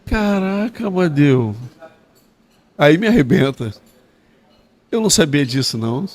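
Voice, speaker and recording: A man, a former footballer talking as a guest in a restaurant, heartfelt with halting restarts. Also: a little high, sing-song, darkish tone. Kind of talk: emotional storytelling interview.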